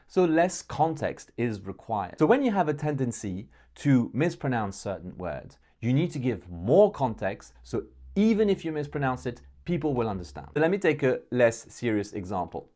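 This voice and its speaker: A man's voice: mid-range voice, sing-song, normal speed, few pauses, mellow. A man speaking English as a second language, patiently explaining a point with examples like a public speaking coach. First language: not English. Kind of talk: explanatory talking-head lesson.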